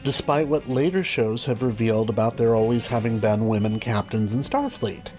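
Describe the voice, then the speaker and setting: Over background music, a man hosts a scripted video review, dropping wry, dry asides. His mid-range voice is darkish and moves at normal speed.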